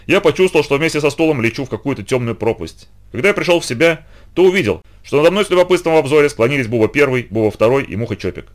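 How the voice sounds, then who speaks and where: A man narrating a children's audiobook in an animated storytelling manner. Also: medium pitch, racing, hardly any pauses.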